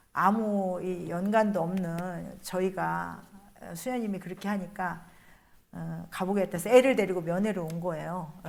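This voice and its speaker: A woman's voice: on the low side, a little mellow. Nun lecturing, chatty storyteller voice, slips into the voices of people she quotes. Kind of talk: spiritual lecture told as a personal story.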